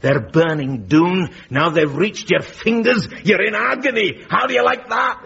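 An actor playing a brisk, domineering army captain with a Scottish accent, clipping out orders in sitcom style. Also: male voice, high voice, creaky, a bit bright, husky, heavily acted. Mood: menacing. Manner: barking, clipped military orders. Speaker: army captain in charge of tests. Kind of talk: British sitcom acting. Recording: dull, noisy old broadcast recording.

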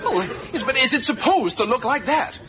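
A man's voice: very high-pitched, very animated, normal speed, crowd noise. An actor playing a prim android man newly turned human, talking in a fussy, formal way as a robot faking human ways. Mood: indignant. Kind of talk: sitcom acting. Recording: dull TV sound with audience laughter and noise.

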